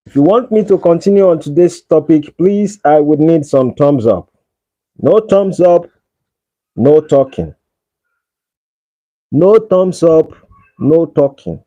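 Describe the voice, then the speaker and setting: Slow and mellow, with long pauses and lively intonation, a slightly high-voiced Nigerian man chats on a casual livestream, pleading for likes. The recording sounds dull and lo-fi.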